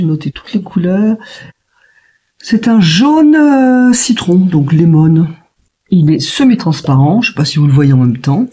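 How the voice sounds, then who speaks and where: A woman narrates a watercolour palette test at her desk, thinking aloud and pausing often on fillers. Her voice is warm and mellow, with a breathy, slightly husky edge. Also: lowish voice. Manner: chatty, hesitant with many fillers, thinking aloud. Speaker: watercolour painter testing a palette. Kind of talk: casual tutorial narration.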